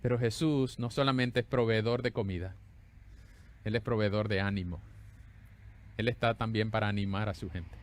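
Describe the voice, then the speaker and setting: A man preaching a sermon as a pastor, animated and conversational, swinging between loud exclamations and hushed tender lines while asking the congregation questions. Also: lowish voice, moderate pace, long pauses.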